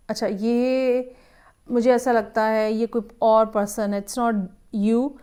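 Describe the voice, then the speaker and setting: A woman's voice: fairly high pitch, darkish tone, clear, resonant tone. A woman giving a weekly tarot horoscope reading, musing aloud and slipping English phrases into her talk. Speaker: tarot reader.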